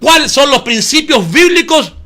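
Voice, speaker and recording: A man's voice: very high-pitched, very animated, moderate pace, sharp tone. A man preaching a sermon as pastor, emphatic and full of rhetorical questions to his listeners. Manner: emphatic preaching, calls listeners "hermano" often; asks the audience rhetorical questions.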